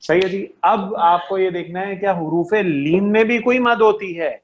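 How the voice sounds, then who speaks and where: A man's voice: high-pitched, normal speed. Patient male teacher on a muffled call. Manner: patient, repeats key terms, checks understanding often. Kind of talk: online class lecture.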